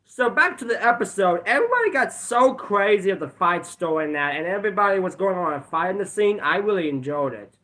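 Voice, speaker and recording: A man with a high, bright voice chats through a casual episode review vlog. His pitch swings widely as he rambles and repeats himself, stopping now and then to cough. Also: very animated, fairly quick. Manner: rambling, repeats "let's be honest". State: bouts of coughing. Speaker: video reviewer.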